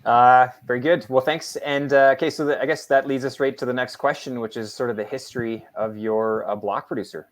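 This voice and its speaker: A man hosts an interview in a relaxed, casual way. He sounds upbeat and easygoing, and his speech is sprinkled with filler words as he asks his questions. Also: medium pitch, a little fast, few pauses. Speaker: interview host.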